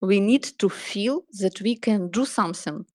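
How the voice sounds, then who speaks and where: A Ukrainian woman in her thirties, a salon owner and project manager, answering interview questions in careful, halting English with many pauses. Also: medium pitch, dry recording. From Ukraine, Donetsk region. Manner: earnest, halting non-native phrasing with many pauses.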